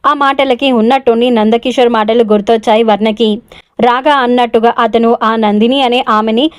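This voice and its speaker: A woman's voice: on the high side, darkish tone, clear, resonant tone, no echo, studio quality. A woman with a Telugu accent reading a romance story aloud, voicing every character's lines in her own voice. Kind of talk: scripted narration of a romance story.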